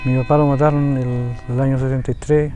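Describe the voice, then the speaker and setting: A man's voice: mid-range voice, level tone, brisk, warm tone, dull audio, soft background music. A man giving plain documentary testimony outdoors at a cemetery, pointing things out as he explains. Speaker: interviewee.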